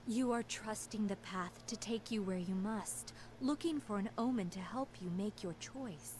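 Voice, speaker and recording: An actress playing a solemn, cryptic fortune teller in a video game, delivering theatrical prophecies. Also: female voice, mid-range voice, measured pace, darkish tone, a little hiss or hum, close to an everyday voice. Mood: solemn, mystical. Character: solemn, cryptic fortune-telling seer woman. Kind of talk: dramatic game voice acting.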